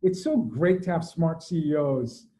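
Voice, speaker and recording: A man's voice: fairly high pitch, moderate pace, dark tone. A man co-hosting a casual show over a video call, upbeat and laughing as he introduces guests. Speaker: show co-host. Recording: dull lo-fi call audio.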